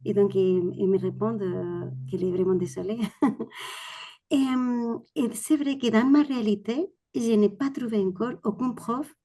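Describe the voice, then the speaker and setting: A woman's voice: medium pitch, mellow. A woman from Spain with a Spanish accent, asking a question on a video call, hesitant and often repeating words. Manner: hesitant, repeats words while searching for phrasing. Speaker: webinar participant asking a question. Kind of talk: casual spoken question.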